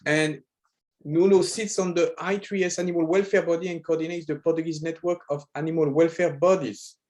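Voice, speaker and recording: A man's voice: on the high side, steady tone, brisk, darkish tone. A man with a French accent moderating an online session, reading out a speaker's bio with small hesitations. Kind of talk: introducing a speaker.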